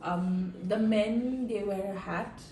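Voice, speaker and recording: A young woman from Darjeeling, India, whose first language is Nepali, answers interview questions thoughtfully, using many fillers. Her voice is medium-pitched and slow. She is recorded from a distance in an echoey room with background noise.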